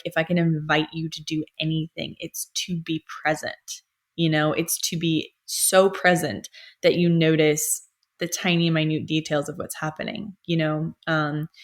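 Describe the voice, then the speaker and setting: Young woman, low pitch, spiritual monologue, soft and meandering, lots of fillers. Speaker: astrologer and healer.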